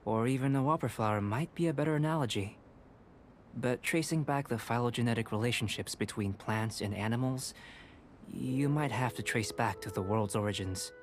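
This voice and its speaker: A man voicing a calm young male alchemist scholar in a video game cutscene, speaking in a measured, analytical way. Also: medium pitch, a little hiss or hum, lightly acted. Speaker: game character, researcher.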